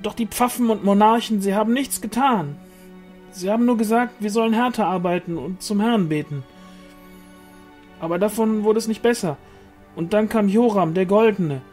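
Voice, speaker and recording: Timid male peasant, shy and halting, pitched high and strained, voiced by a male reader. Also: darkish tone, faint music behind, natural voice. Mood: intimidated.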